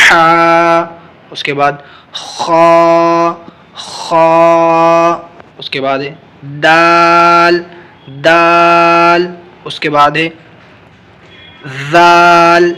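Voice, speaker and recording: A man teaching Quran reading, patiently repeating each letter slowly. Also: a little high, bright, forceful tone. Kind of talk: step-by-step recitation lesson.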